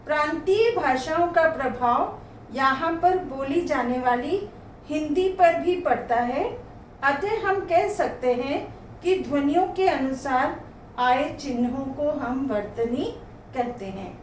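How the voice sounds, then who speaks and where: A woman teacher giving a Hindi grammar lesson, explaining slowly and saying each example word twice for pronunciation, recorded in an echoey room from a distance. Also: high voice, lively intonation, slight background noise. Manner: slow, explanatory, repeats words twice for pronunciation.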